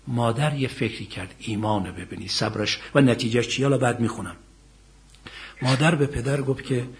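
A middle-aged man preaching a sermon, telling stories quietly and then rising to loud, impassioned emphasis, chanting scripture verses slowly. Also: medium pitch, vocal fry. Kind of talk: sermon with storytelling.

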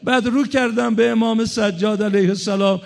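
A man's voice: high-pitched, fairly even intonation, creaky, a little mellow. A man preaching a religious sermon, telling a story dramatically, voicing the people in it and sliding into chanted lament.

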